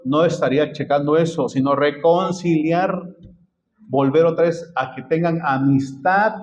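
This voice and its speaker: Male pastor, slightly high-pitched, quizzing his flock in a sermon over a dull, lo-fi recording. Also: darkish tone. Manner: quizzes the congregation with repeated questions.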